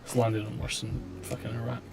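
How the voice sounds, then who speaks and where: A man's voice: medium pitch, monotone, brisk. A man live-streaming a flight simulator with casual commentary, muttering to himself in a dry, sweary, self-deprecating way. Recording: game stream with clear background music. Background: music.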